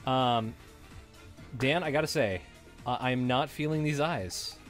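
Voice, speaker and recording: A man's voice: medium pitch, slow, soft background music. A man co-hosting a let's play, chatting casually and playfully while building a game character. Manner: enthusiastic, playful commentary on character creation. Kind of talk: casual gameplay chat on a live stream.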